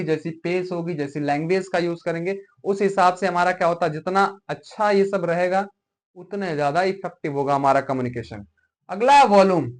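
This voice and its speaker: In a classroom lecture, this male teacher from Uttar Pradesh, India, keeps asking rhetorical questions to make sure students understand. His voice sits high.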